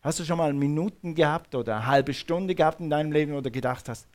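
A man's voice: fairly high pitch, fast talker, a little mellow. Fervent preacher man. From Switzerland. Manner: fervent, repetitive, calls for congregation responses. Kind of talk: sermon.

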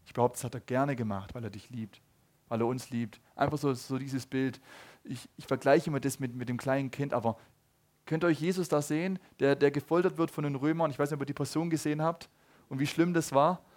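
A man in his thirties preaching a sermon, swinging between loud appeals and soft low asides, often asking the audience questions. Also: a little fast. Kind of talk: sermon to a congregation.

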